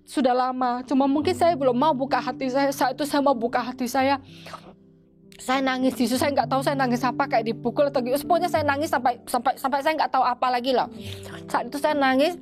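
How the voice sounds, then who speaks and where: A woman giving a church testimony in an interview, talking in a halting way with many restarts. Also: sits high, soft background music. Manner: halting, with frequent restarts and repeated words.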